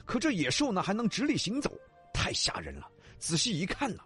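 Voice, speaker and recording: A man telling a classic tale with his co-host, joking as he goes. His voice runs high and swings widely, a little husky, with faint music behind. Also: wildly swooping pitch, brisk, a bit bright. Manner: joking, playful. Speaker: co-host storyteller. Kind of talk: bantering storytelling podcast.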